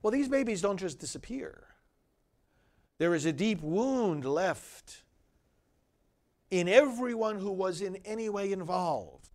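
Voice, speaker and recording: A man speaking as a priest at Mass in a solemn, measured, deliberate way, with pauses between phrases. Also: high-pitched, expressive. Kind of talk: liturgical scripture reading and homily.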